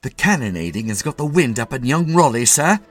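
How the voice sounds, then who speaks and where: A man's voice: medium pitch, sing-song, a little fast, soft background music, voice pushed up. A man voicing an anxious, deferential army sergeant in a story reading, urgent and respectful. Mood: alarmed.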